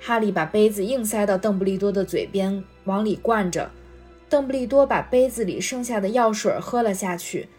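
A woman reading a storybook chapter aloud in a steady, expressive voice. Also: mid-range voice, normal speed, breathy edge, soft background music. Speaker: guest reader.

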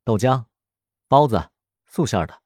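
A man's voice: medium pitch, expressive, normal speed, a little mellow, slightly rough, dry recording, studio quality, voice pushed up. A man voicing a teasing young woman.

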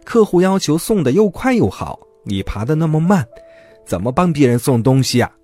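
A man's voice: a little high, big pitch swings, moderate pace, dark tone, husky, soft background music. A man voicing a scornful little wooden horse in a children's story.

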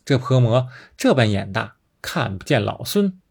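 A man's voice: mid-range voice, very animated, a little slow, creaky, darkish tone, husky, heavily acted. A man voicing a brash, boastful male monkey king with a taunting, swaggering manner.

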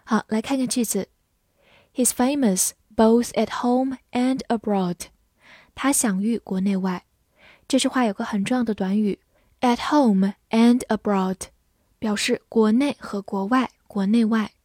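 A woman teaching English vocabulary, spelling each word letter by letter and reading the example sentences slowly, phrase by phrase. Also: on the high side, warm tone, no room sound, studio quality. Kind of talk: scripted vocabulary lesson.

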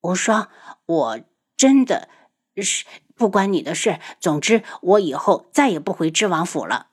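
A woman voicing a proud young martial woman whose voice is hoarse from poison, in an audiobook. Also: lowish voice, big pitch swings, a little slow, full character voice. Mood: bitter. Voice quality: husky, hoarse. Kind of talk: audiobook character voice.

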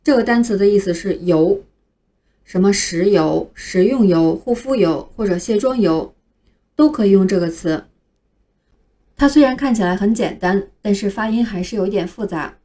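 A woman's voice: medium pitch, dark tone. A woman teaching English pronunciation in a scripted phonics lesson, carefully spelling out each word letter by letter. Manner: slow, careful spelling out of words.

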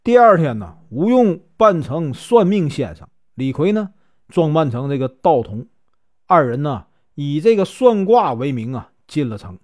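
A man's voice: on the high side, sing-song, darkish tone, no room sound. Guy spinning an old tale, chatty and singsongy, dry close mic. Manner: chatty, drawn-out filler particles. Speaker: storyteller. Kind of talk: casual folk storytelling.

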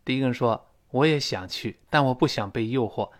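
Chatty male English teacher. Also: mid-range voice. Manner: chatty and animated, breaks into laughs, models English phrases slowly. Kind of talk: lively spoken-English lesson.

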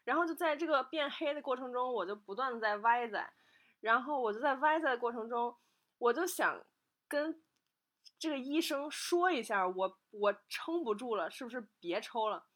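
A woman's voice: on the high side, animated, normal speed, a bit bright. A woman guest on a podcast, telling a story in casual chat, often repeating herself as she goes. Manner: hesitant, repeats herself while recounting.

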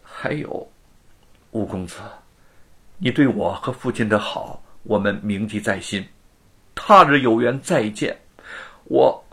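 A man voicing a young woman, a street performer's daughter, who speaks softly and tearfully. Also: on the low side, expressive, slow pace, pauses often, pitched below the performer's own voice, heavily acted. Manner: soft, tearful.

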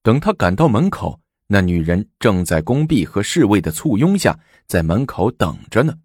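A low-pitched, husky male storyteller narrates with dramatic, sweeping inflection. The recording is close and dry, with no room sound. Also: sing-song, normal speed, darkish tone, dry recording. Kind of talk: traditional oral storytelling.

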